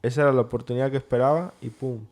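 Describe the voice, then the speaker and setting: A man co-hosting a casual chat, telling his side of a story in a relaxed way and slipping English phrases into his speech. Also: mid-range voice, rapid-fire. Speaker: co-host.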